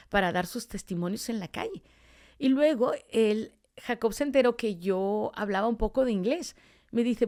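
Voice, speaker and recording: Woman guest on a podcast, bit high and gravelly, tells her faith story acting out every line. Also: darkish tone. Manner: storytelling, acting out quoted dialogue. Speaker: podcast guest, street evangelist. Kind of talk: personal testimony in podcast conversation.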